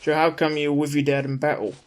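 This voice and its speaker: A man's voice: on the high side, level tone, fast, close to an everyday voice. A man voicing a skeptical, foul-mouthed soldier who scoffs at talk of magic. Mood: blunt scoffing. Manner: scoffing, swearing.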